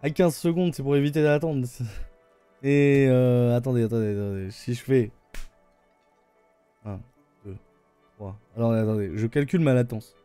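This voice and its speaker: A man's voice: mid-range voice, moderate pace, long pauses, dark tone, clear, resonant tone, no room sound, faint music behind. A man with a French accent giving casual live-stream commentary while playing a game, rambling and hesitant with lots of fillers. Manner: rambling, hesitant, lots of "euh" and repeated "attendez".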